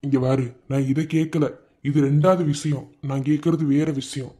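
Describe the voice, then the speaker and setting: A man voicing a steady, loving young army husband in a cartoon, speaking in Madurai Tamil with a gentle, coaxing manner. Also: a little high, moderate pace, close to an everyday voice. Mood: tender. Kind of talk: cartoon voice acting.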